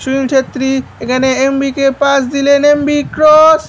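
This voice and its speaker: A man giving excited, frantic football play-by-play, swinging from quick calls to drawn-out shouted exclamations. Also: extremely high pitch, a little hiss or hum. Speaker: football commentator.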